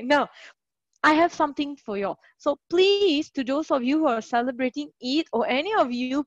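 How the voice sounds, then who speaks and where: A woman's voice: high voice, dry recording, highs cut off. A woman teaching a live online English class, cheerful and encouraging, praising her students over a computer mic.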